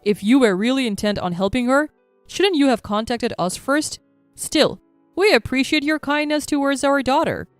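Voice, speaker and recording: A woman's voice: high voice, animated, normal speed, dry recording, soft background music. Woman voicing a stern, protective father. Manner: stern, formal.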